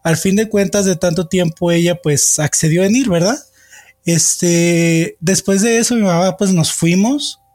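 Man, a bit high, dry close sound; hesitant guest storyteller with many fillers. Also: a little slow, a little mellow, no room sound. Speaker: guest telling a personal story. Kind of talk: casual spoken storytelling.

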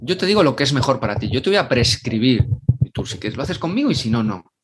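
A man's voice: medium pitch, very animated, noisy background. A man, a guest in a podcast interview, explaining sales with emphatic, acted-out asides. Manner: emphatic, acts out clients and doctors in quick asides. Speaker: guest, sales and LinkedIn growth expert. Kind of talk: animated podcast interview answer.

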